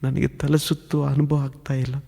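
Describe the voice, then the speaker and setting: A man's voice: mid-range voice, monotone, normal speed, creaky, mellow, slightly rough. A man preaching, telling his personal testimony in an earnest, emotionally building storytelling manner. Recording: long hall reverb.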